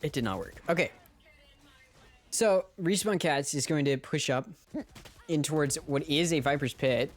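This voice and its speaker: A man's voice: on the high side, unhurried, pauses often, soft background music. A man streaming a watch party, giving casual play-by-play commentary on an esports match and talking straight to his chat.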